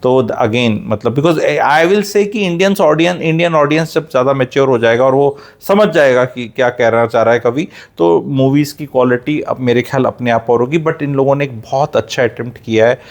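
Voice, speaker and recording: A man's voice: mid-range voice, moderate pace, hardly any pauses. Opinionated Indian man reviewing a film. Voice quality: switches often between Hindi and English, conversational and opinionated. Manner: explains technical flying details with a teacher-like air. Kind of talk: casual film review commentary.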